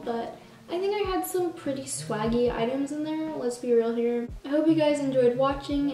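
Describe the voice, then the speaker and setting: A teenage girl vlogger with a high, warm voice chats bubbly and nonstop through a clothing try-on haul, tossing in self-mocking asides. She sits far from the mic, so the sound is roomy, with a little hiss or hum.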